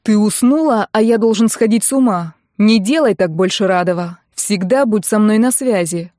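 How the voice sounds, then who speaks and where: A woman voicing a jealous, sharp-tongued young man who scolds his girlfriend in an irritated, demanding way. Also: medium pitch, normal speed, dry recording, clean studio sound, natural voice.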